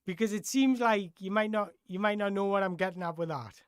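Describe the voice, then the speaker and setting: This football live-streamer talks loosely through viewers' questions, correcting himself and circling back to reword things as he goes. The smooth, ordinary-pitched voice moves a little fast. There's no echo; the sound is close and dry.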